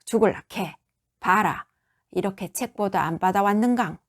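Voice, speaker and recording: A woman voicing a loud, drunk one-armed middle-aged father who scolds in a Gyeongsang accent. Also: medium pitch, normal speed, close to an everyday voice. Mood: drunken scolding. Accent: Gyeongsang dialect. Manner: shouting, slurred scolding.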